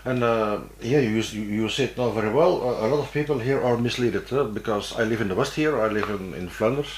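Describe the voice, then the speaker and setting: A man, interviewing a guest in a halting, animated way, with many fillers. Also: medium pitch, slight background noise. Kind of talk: interview chat. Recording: roomy echo.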